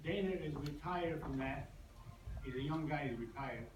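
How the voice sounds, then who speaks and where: Hosting a presentation for his customers, an older business owner from Brooklyn, New York rambles, jokes, and keeps halting and restarting in a casual talk to a live audience. His voice is a little high. The microphone sits far away in a large, echoing room, leaving the recording noisy.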